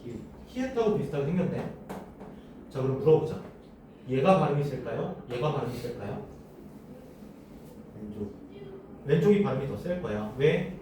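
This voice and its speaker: A man's voice: medium pitch, very animated, moderate pace, long pauses, mellow, slight background noise. A man teaching a classroom lesson, often asking the students questions and then answering them himself. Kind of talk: classroom lecture. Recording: echoey room, voice from far off.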